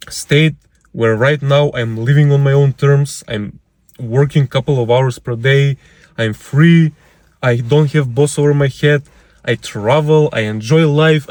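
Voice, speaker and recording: A man's voice: medium pitch, a little mellow, dry recording. A young man giving a casual motivational monologue, blunt and slangy, swearing and calling the listener bro, stacking up repeated phrases for emphasis. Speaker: motivational vlogger.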